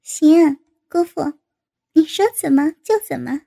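A woman voicing a brazen, teasing young woman in a read-aloud story, her voice very high and dark-toned. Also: takes it slowly, vocal fry, full character voice. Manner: giggling, teasing.

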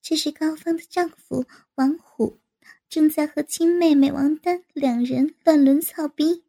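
A woman narrating a story at an unhurried pace. Her voice is high and mellow. She reads evenly and plainly. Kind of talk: slow storytelling reading.

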